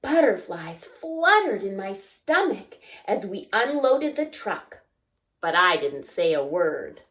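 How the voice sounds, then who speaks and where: Slowly and at medium pitch, a story time reader shares a picture book aloud with young children. Her delivery is expressive, with acted-out sounds, side remarks and questions for the listeners.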